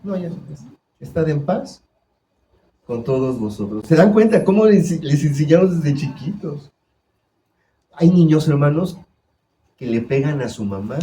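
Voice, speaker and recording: A man's voice: on the high side, lively intonation, a little slow, pauses often, warm tone, slight background noise. A man preaching a sermon as pastor, putting questions to his congregation. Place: church hall. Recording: echoey church room.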